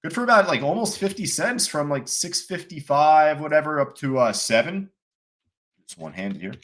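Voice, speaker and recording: A man's voice: on the high side, expressive, normal speed, fairly bright tone. A man casually commenting on live stock charts as a trading educator, chatty and self-deprecating. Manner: chatty, self-deprecating, fillers like "you know".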